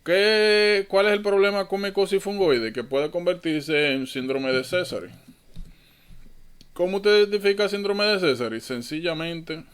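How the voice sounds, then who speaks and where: A man's voice: high voice, unhurried, clear, resonant tone. A man tutoring medical students in an online lecture, informal and thinking aloud, often correcting himself.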